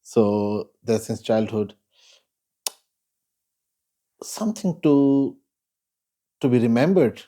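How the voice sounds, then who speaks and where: Guy telling his life story in an interview, soft mellow voice, slow and thoughtful with lots of pauses. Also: mid-range voice, animated. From Pakistan. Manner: measured and reflective, pausing often. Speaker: guest.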